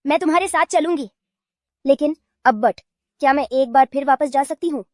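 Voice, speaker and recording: A woman voicing a sweet, gentle and forgiving young girl in a dubbed cartoon, earnest in her pleading. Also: sits high, normal speed, dry recording, clean studio sound, lightly acted.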